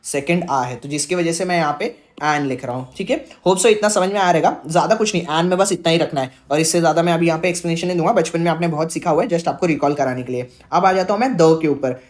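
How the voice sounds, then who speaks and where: A man's voice: fairly high pitch, fast, few pauses. A man teaching a casual grammar lesson, chatty and repetitive, dropping English terms into his talk and voicing his students' doubts before answering them. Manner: chatty, repeats points, mixes in English terms.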